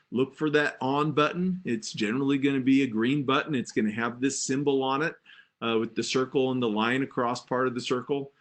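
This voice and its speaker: A man teaching first aid in an informal, plain-spoken and reassuring way, explaining things conversationally as an instructor. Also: mid-range voice.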